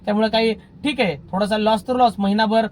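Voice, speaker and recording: A man with a fairly high voice for his sex addresses viewers as a driving instructor, keeping a steady, darkish tone at a brisk clip. In an earnest, conversational manner he keeps repeating the same pleading advice, with a little hiss or hum in the recording.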